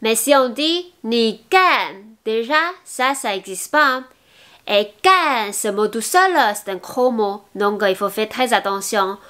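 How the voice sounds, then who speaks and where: Slow, patient teacher woman. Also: fairly high pitch, a bit bright. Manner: clear, slow demonstration of pronunciation, patient. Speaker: Mandarin teacher. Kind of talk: language lesson video.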